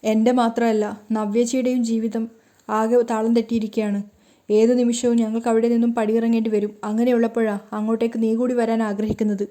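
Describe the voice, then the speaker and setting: A woman's voice: fairly high pitch, little pitch movement, quick pace, mellow, lightly acted. Woman reading a tearful young wife. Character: tearful young married woman, selfless, hurt.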